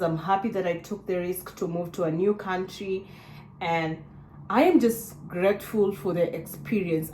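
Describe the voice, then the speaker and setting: A young Kenyan-accented woman vlogging straight to her phone in a small room, her voice sitting a little low for a woman. She chats casually with plenty of "like", drifting from soft and wistful to loud and lively. The room is echoey, with a faint hiss underneath. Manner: chatty, lots of "like", swings from soft and wistful to loud and animated. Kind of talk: casual chat to camera. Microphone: phone or camera on a stand.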